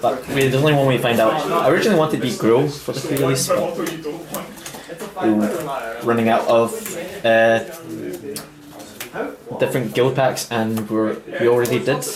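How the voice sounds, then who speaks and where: A man hosting a casual walkthrough in a busy game store at a midnight event, talking in a halting, stop-start way. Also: mid-range voice. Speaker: host opening card packs. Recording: echoey room with crowd chatter.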